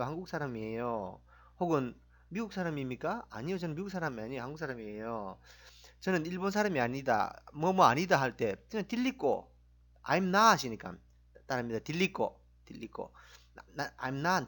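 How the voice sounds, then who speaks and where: A man's voice: medium pitch, fairly bright tone. A middle-aged man teaching a language lesson, encouraging listeners and drilling short phrases for them to repeat.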